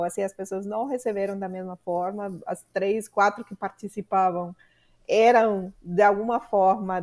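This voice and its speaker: Speaking with a mid-range voice and a Colombian Spanish accent, a middle-aged woman from Colombia is interviewed conversationally as a podcast guest. Her delivery is animated, broken up by frequent filler-laden pauses while she looks for the right words.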